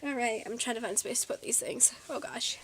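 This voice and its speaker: Slight background noise accompanies a teenage vlogger's brisk, fairly bright voice, which sits on the high side. Chatting casually in her haul video, she sounds bubbly and a little winded, with frequent ums and likes.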